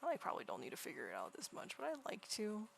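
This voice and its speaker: A woman livestreaming while she draws, chatting casually in a quiet, soft, near-whispered voice and rambling through many restarts. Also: medium pitch, huge pitch swings, fast talker, vocal fry, a little hiss or hum. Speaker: livestreaming artist. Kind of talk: casual chat while drawing. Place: home room beside a partner who is gaming.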